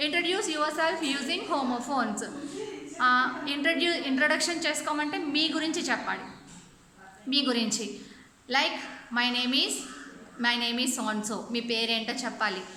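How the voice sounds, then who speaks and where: A woman teacher with a Telugu accent leads an online English lesson for young children. Her voice is high and bright, and she stretches her English out slowly and carefully, sometimes spelling words letter by letter. The room around her is noticeably echoey. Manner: slow deliberate English, quicker Telugu explanations.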